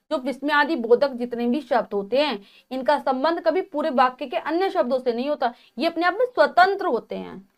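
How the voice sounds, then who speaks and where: A woman teaching a grammar lesson to children, explaining step by step and addressing them directly. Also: fairly high pitch.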